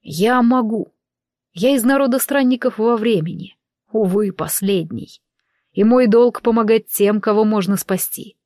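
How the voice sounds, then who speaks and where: A woman voicing a slow-spoken, mocking male prince of time travelers in an audiobook. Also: fairly high pitch, darkish tone, no echo, clean studio sound, close to an everyday voice. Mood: solemn. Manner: slow, drawn-out, teasing.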